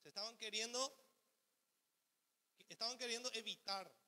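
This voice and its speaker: A man delivers a sermon, his voice pitched high and sharply bright. He fires off rhetorical questions and acts out the selfish voice of the ego. The sound rings with the long reverb of a church hall. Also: normal speed. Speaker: pastor.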